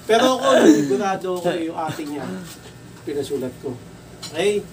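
A man's voice: a little high, moderate pace. A Filipino man who runs a computer shop, casually telling a story and acting out the dialogue in a raised voice. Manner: animated, acts out dialogue in raised voice. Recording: distant mic with faint background noise.

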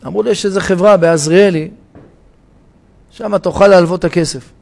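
A rabbi giving a sermon in a synagogue, telling a parable with dramatic shouts and changes of voice. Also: male voice, high-pitched, creaky. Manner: dramatic storytelling, shouting the parable's cries for help.

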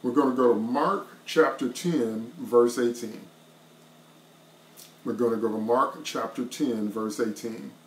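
Seated before his laptop webcam in a small, wood-paneled room, a middle-aged man gives an online sermon in an emphatic, repeating cadence. His mid-pitched voice comes at a measured pace with a roomy echo and slight background noise.

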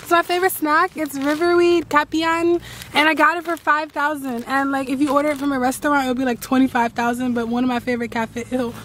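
A tired woman in a rambling, excitable casual vlog to camera, recorded outdoors at night on a handheld phone after a long ride. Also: high voice, brisk, slight background noise. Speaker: travel vlogger.

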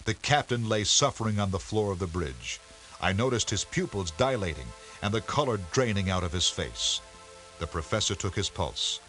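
A man giving measured, scripted storybook narration for an educational game. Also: fairly low pitch, lively intonation, fairly bright tone, faint music behind.

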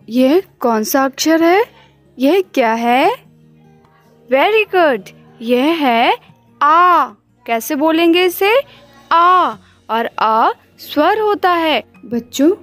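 A woman teaching a recorded online lesson to young children, with slow, drawn-out, sing-song prompts and repeated questions. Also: high voice, darkish tone. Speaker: kindergarten teacher.

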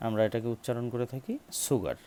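A man's voice: medium pitch, mellow, slight background noise. A man teaching English pronunciation, spelling out words, saying each one several times and asking his viewers questions. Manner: slow, repeats each word to drill it. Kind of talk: spoken English lesson.

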